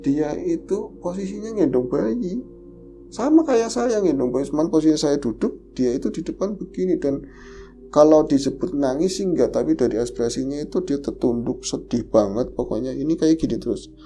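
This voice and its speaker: A man tells a personal horror experience as a podcast guest. He retells it in a lively, fearful way. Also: a little high, normal speed, soft background music. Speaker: guest storyteller.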